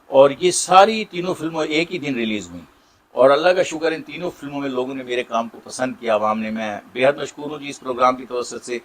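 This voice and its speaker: A middle-aged actor with a Saraiki accent, answering interview questions in a warm, grateful way with many pauses. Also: male voice, medium pitch. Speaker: Saraiki drama and film actor.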